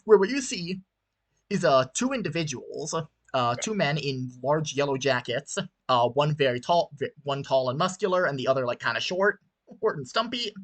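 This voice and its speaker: A man's voice: fairly high pitch, lively intonation, normal speed, fairly bright tone. A man narrating a tabletop game as game master, rambling through lots of fillers and restarts.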